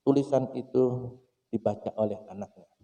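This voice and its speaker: A man's voice: fairly even intonation, normal speed, warm tone, far from the mic, dull audio. A man preaching a sermon, telling a story and asking the audience questions, acting out the quoted voices. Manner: acts out quoted voices with sudden jumps in pitch and volume.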